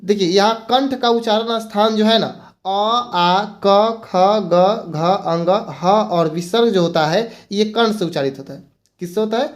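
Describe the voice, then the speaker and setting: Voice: medium pitch, unhurried. A teacher gives an exam-prep grammar lesson, repeating points and mixing in English words. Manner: asks rhetorical questions and answers them.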